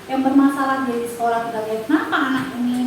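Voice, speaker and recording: Earnest woman principal in her thirties, fast delivery, roomy and noisy recording. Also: fairly high pitch, fairly even intonation. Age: 30s. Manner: earnest, explains with examples and quoted dialogue. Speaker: school principal. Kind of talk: interview about school leadership. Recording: echoey room, far from mic, noisy.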